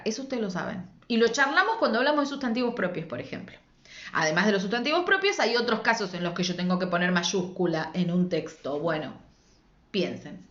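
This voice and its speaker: A woman's voice: a little high, a bit bright. Woman, Argentine Spanish accent, teacher, patient didactic lesson, rhetorical check-ins, echoey room. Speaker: secondary school language teacher. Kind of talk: recorded lesson explaining spelling rules. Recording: echoey room, dull lo-fi sound.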